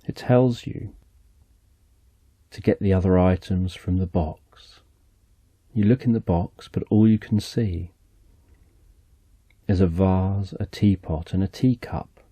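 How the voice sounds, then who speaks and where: Softly and gently, a man with a low, slightly rough voice narrates a slow, soothing guided relaxation story addressed to "you." The recording has no echo.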